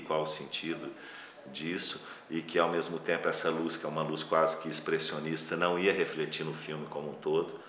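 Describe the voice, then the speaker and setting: Very deep-voiced Brazilian man, roomy sound. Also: bright, forceful tone. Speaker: film director. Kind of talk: casual interview talk about his filmmaking. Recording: roomy echo, faint background noise.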